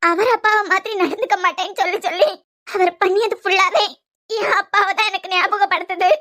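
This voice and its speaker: A woman's voice: extremely high pitch, fairly even intonation, fairly quick, sharp tone. A woman voicing an emotional young wife in a cartoon serial, with a Kanyakumari Tamil accent and a pleading, reproachful manner. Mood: hurt. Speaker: voice artist.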